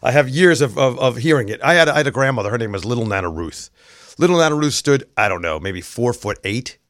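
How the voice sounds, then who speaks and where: A man's voice: medium pitch, lively intonation, quick pace, fairly bright tone, dry recording. A male talk host from New York with a mid-range voice in a dry, close studio sound. He rambles through the news in a casual way and drops in sarcastic, wry asides. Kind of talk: casual political commentary.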